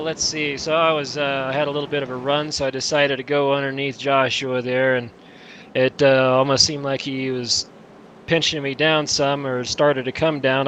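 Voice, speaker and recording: A man's voice: mid-range voice, a bit bright. Male racing driver on a dull, lo-fi link. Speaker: racing driver being interviewed. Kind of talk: casual interview answers. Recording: dull lo-fi voice link, faint noise.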